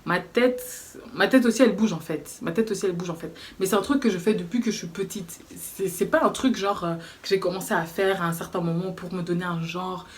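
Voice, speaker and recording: Animated woman telling a storytime. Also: on the low side, fairly quick, hardly any pauses, slight background noise. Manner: animated storyteller acting out quotes. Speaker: vlogger. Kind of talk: storytime vlog.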